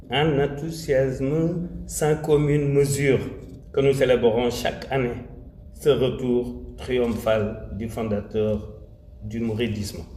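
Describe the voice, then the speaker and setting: In a mid-range voice with a darkish tone, a Senegalese French-accented religious community speaker gives a solemn, emphatic commemorative address. Key phrases come back again and again, and Wolof phrases surface within his French. The recording carries a roomy echo and faint background noise.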